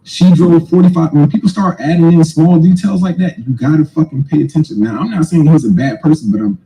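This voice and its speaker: A man's voice: fairly high pitch, quick pace, mellow, rough recording. A man giving casual commentary straight to viewers, slangy and emphatic, swearing and repeating his points. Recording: faint background noise.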